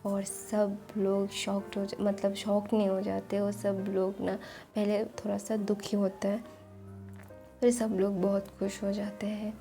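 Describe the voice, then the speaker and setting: A woman's voice: mid-range voice, monotone, unhurried, mellow, soft background music. A woman casually retelling a fan fiction story, chatty, with many fillers and restarts, quoting the characters in her own voice.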